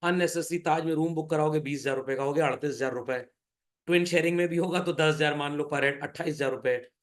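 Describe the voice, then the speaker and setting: Lively high-voiced male teacher. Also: fast. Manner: animated, joking, keeps asking "Is that clear?". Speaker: commerce teacher. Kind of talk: classroom lecture.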